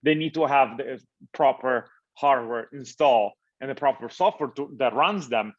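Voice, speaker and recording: Italian-born man, halting interview answers. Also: mid-range voice. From Italy. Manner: halting, many fillers and repeated words. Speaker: founder, interview guest. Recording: slightly dull, lo-fi audio.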